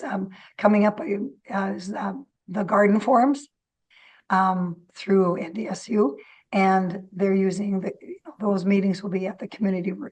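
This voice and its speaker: A woman with a squeaky, thin reedy voice, talking informally and haltingly as a guest explaining local services in an interview. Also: a little mellow, poor audio. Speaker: interview guest, city library director.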